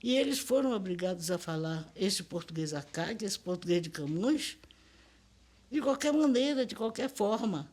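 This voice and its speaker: An older woman with a Bahian accent lectures emphatically as a linguist in a documentary interview, posing rhetorical questions. Her voice is lowish, mellow and husky, with lively intonation, normal speed, and few pauses.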